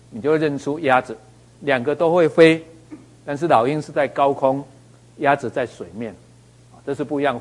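Male motivational speaker, lively storyteller, tosses out rhetorical questions. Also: medium pitch, slightly rough. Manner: animated storyteller, asks the audience rhetorical questions. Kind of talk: motivational talk with anecdotes.

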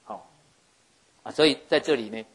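A man giving a lively sermon, acting out scenes and often checking that his listeners follow. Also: mid-range voice, moderate pace, breathy edge. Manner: animated, acts out scenes, keeps asking listeners if they follow. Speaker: preacher.

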